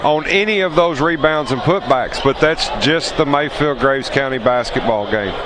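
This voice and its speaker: A man giving relaxed, chatty color commentary at a basketball game. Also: mid-range voice, normal speed, noisy background.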